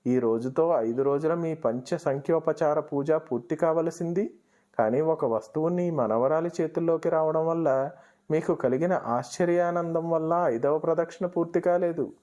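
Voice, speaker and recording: A man's voice: fairly high pitch, moderate pace, dark tone, lightly acted. A man voicing a revered old holy man in a storybook reading, kindly but stern, speaking in a commanding, knowing way.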